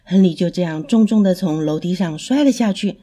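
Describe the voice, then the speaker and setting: A woman narrating a children's story in a lively, expressive way. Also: lowish voice, brisk.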